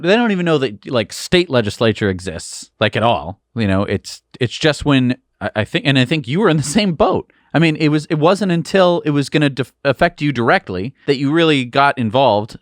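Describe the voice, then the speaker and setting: A man's voice: fairly high pitch, dry recording, studio quality. A man co-hosting a casual interview show, asking long rambling questions with many restarts. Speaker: podcast co-host.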